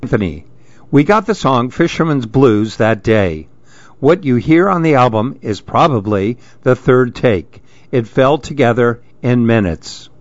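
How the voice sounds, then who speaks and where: A man's voice: mid-range voice, lively intonation, unhurried, no echo. A man hosting a radio reading program, reading magazine articles aloud. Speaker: radio reading-service host. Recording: dull, lo-fi radio recording.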